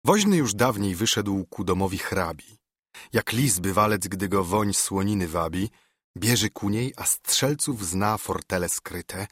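A man narrating epic verse for an audiobook in a measured, rhythmic delivery. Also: lowish voice, lively intonation, a bit bright, husky, no room sound, clean studio sound.

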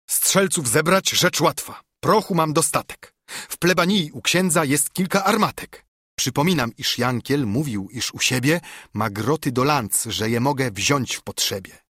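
A man's voice: on the high side, lively intonation, a little slow, a bit bright, slightly rough, dry recording, studio quality, pitched above the performer's own voice, exaggerated voice. A man voicing a proud older nobleman judge in a dignified audiobook verse reading. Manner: dignified, declaiming.

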